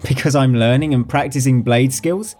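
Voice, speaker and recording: A man's voice: medium pitch, moderate pace, darkish tone, faint music behind, voice pushed up, close to an everyday voice. A man voicing a brash, teasing young nobleman in a storybook reading. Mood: eager.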